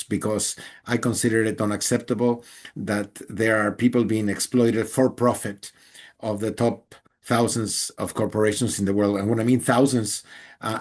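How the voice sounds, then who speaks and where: Man from Guatemala, low voice, an earnest guest interviewee. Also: a little mellow. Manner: earnest and emphatic, with small laughs. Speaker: journalist and guest. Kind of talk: interview answer.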